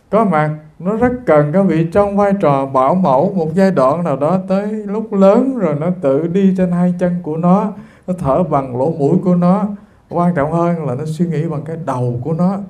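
Earnest man preaching, mellow voice. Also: fairly high pitch, moderate pace. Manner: addresses listeners repeatedly, earnest and storytelling. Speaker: Buddhist monk giving a dharma talk. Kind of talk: sermon.

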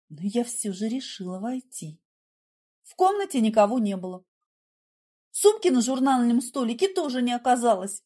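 Female audiobook narrator, high voice, steady first-person reading. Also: slightly rough.

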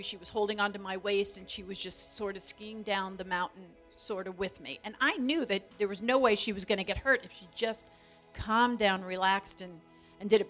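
A middle-aged woman telling a long story about her daughter in a lively, animated way, acting out quotes. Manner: animated, acts out quotes with big pitch jumps. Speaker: co-speaker, mother of the other speaker. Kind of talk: storytelling talk.

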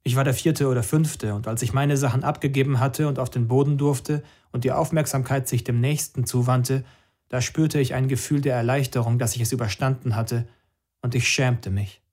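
Man narrator, calm, somber, measured reading, first person. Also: medium pitch.

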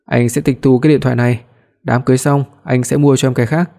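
Picture a man reading a young husband who dotes on his wife and gets his own way. He speaks firmly in a mellow, warm tone. This is a spoken family story. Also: mid-range voice, fairly even intonation, fast talker, natural voice. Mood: insistent. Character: young husband, possessive and doting.

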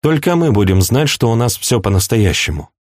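A man's voice: medium pitch, very animated, a little fast, a little mellow, dry recording, studio quality, lightly acted. A man reading an audiobook, voicing a proud and passionate young princess in a raised, pleading voice. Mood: dismissive.

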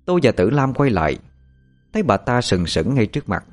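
A man narrating a spooky story in an expressive, dramatic way. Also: medium pitch, brisk, soft background music. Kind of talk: narrated audio horror story.

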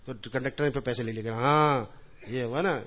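A man giving an informal religious talk in a mosque, telling humorous anecdotes in a chatty way and chuckling at his own jokes. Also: mid-range voice. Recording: dull lo-fi recording.

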